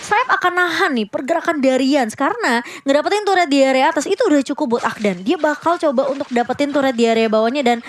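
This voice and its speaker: High-pitched Indonesian woman calling fights, noisy broadcast. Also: expressive, fast talker, hardly any pauses. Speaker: esports shoutcaster. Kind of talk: live play-by-play game commentary. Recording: noisy live esports broadcast.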